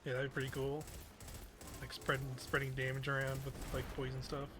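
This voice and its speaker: A man's voice: medium pitch, monotone, fairly quick, background noise. A young man chatting casually as a game streamer, with a hesitant, rambling, slangy way of talking. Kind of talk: casual chat while gaming.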